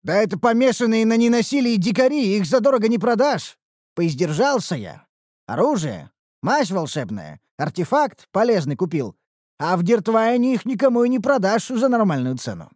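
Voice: medium pitch, sing-song, moderate pace, a little mellow, dry recording, studio quality, pitched above the performer's own voice, close to an everyday voice. A narrator voicing a stingy, boastful male slave trader who haggles over prices in an audiobook. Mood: haggling. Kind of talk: audiobook character voice.

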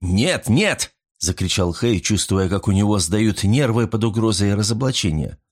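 A man reading a story aloud in measured scripted narration. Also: lowish voice, darkish tone.

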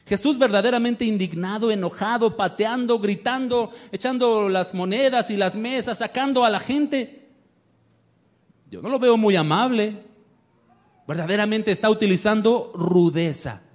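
A man's voice: sits high, unhurried. A male pastor preaching a sermon, emphatic and full of rhetorical questions to the congregation.

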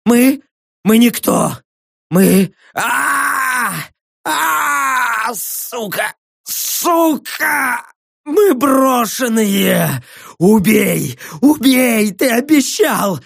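A man's voice: high voice, creaky, darkish tone, husky, no room sound, studio quality, heavily acted. A man voicing a dying male prisoner in agony who screams, sobs and curses in terror. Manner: screaming, sobbing, begging.

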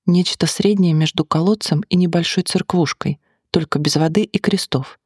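An audiobook reader voicing a neat, unflappable male bar administrator who answers calmly. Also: medium pitch, normal speed, slightly rough, dry recording, studio quality, natural voice.

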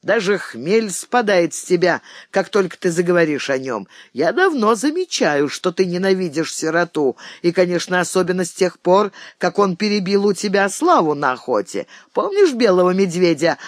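Brief: teasing old knightly lord, jovial and lively in pitch, read by a male narrator. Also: normal speed, few pauses, no room sound, studio quality. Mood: mocking, jovial. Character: old boastful castle lord, mocking.

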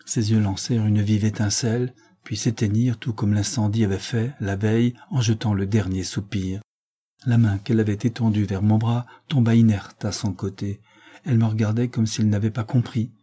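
A male audiobook reader with a low voice, narrating a classic tale in the first person with a measured, sombre delivery. His tone is dark and mellow, with a slightly husky edge. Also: steady tone.

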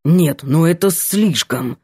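A woman reading an audiobook, voicing a rude, gruff young male student who talks brusquely and threatens. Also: low-pitched, unhurried, mellow, dry recording, clean studio sound, voice pushed down. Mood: irritated.

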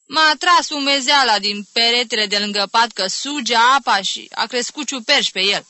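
A woman's voice: fairly high pitch, pushed and bright, no room sound, pitched above the performer's own voice. A woman voicing an elderly complaining aunt who exaggerates her aches with theatrical groans. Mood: plaintive. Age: older. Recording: dry close studio reading.

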